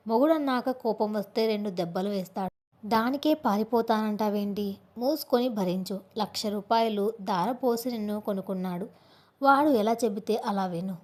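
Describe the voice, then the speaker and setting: A woman's voice: medium pitch, a little mellow, natural voice. A woman voicing a harsh, pitiless middle-aged mother who scolds curtly in a storybook reading.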